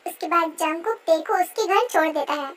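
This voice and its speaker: A woman's voice: very high voice, a little fast, far from the mic. A woman narrating an amateur fan dub in a plain storytelling way.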